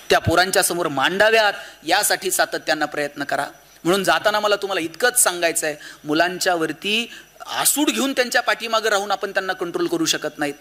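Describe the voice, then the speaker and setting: Male kirtan-style motivational speaker, high bright voice, animated delivery that swings between loud and hushed. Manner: animated, swings from loud exhortation to low emphasis; acts out quoted voices in anecdotes.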